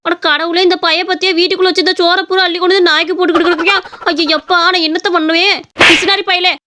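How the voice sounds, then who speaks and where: A woman voicing a sharp-tongued old village mother-in-law who scolds her family in a shrill voice. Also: little pitch movement, fast, noisy background. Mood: grumbling. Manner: shrill scolding, exclaims often.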